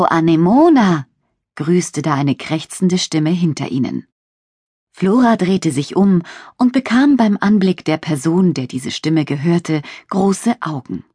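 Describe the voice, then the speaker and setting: A woman narrates a children's audiobook in an expressive storytelling manner. Her voice is slightly low and a little husky, with lively melodic swings. The recording is close and dry. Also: dry recording.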